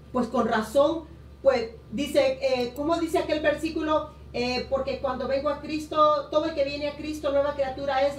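Middle-aged woman pastor, Honduran-born, unhurried emphatic sermon delivery; high pitch, webcam in a roomy space. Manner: emphatic preaching, stretching key words slowly. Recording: roomy echo, voice a bit distant.

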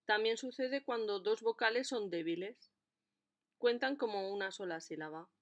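A woman explaining a lesson in a clear, deliberate way, stressing the syllables of her examples. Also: medium pitch. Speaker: language teacher.

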